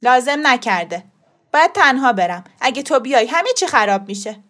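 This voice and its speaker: A woman voicing a bold, scheming old grandmother who talks briskly and emphatically. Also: on the high side, expressive, a bit bright. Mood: firm.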